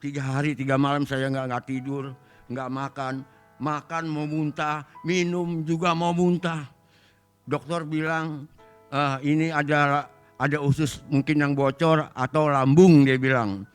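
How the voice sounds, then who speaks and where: A man's voice: a little high, flat delivery, a little slow, clear, resonant tone, faint music behind. A middle-aged man giving a spoken testimony in church, telling his story in a plain, emotional way. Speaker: congregation member giving testimony.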